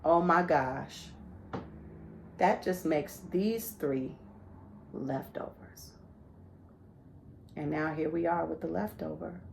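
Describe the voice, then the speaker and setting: A woman's voice: medium pitch, gravelly, a little hiss or hum. A woman giving an informal inspirational talk, storytelling in a conversational way and acting out the voices of people in her stories. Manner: conversational, asks "right?" often. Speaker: motivational speaker.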